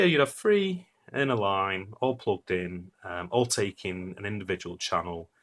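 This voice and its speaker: A man's voice: low voice, sharp tone. A man giving a casual, rambling technical monologue debunking a conspiracy video, blunt and scornful, with many fillers. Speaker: debunking commentator.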